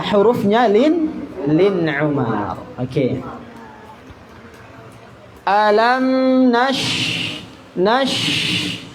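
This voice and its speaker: A male Quran teacher from Indonesia running a tajwid lesson, repeating syllables and chanting verses slowly for students to copy. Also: high voice, rough recording. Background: group of students in the room.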